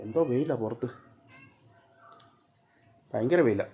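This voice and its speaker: A man filming a casual vlog, talking to his cats, coaxing them and now and then scolding them in loud, high calls. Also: lively intonation, unhurried, highs cut off. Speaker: vlogger. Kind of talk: casual vlog talk to camera and pets.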